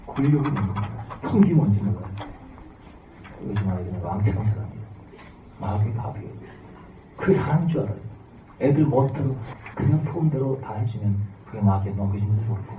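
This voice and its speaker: A man preaching a sermon, moving between plain teaching and fervent, rising prayer. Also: fairly low pitch. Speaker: pastor. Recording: echoey, distant room with noise.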